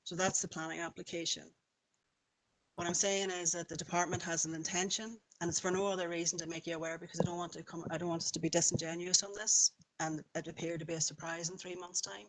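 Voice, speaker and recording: A woman's voice: lowish voice, little pitch movement, low-quality recording. A woman, a planning officer carefully explaining a case to a committee over a remote call, often restarting her sentences. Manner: halting, self-correcting, careful.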